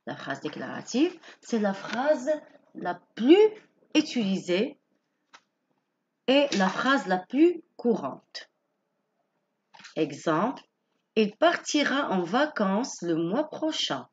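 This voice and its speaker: A woman giving a patient grammar lesson, explaining each point slowly and rephrasing it several times. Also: medium pitch, lo-fi sound. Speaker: teacher.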